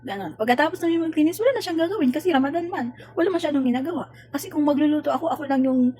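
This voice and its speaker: A Filipina domestic worker vents about a coworker in a casual vlog rant, exasperated and complaining as she animatedly retells what happened. Her voice is high and racing.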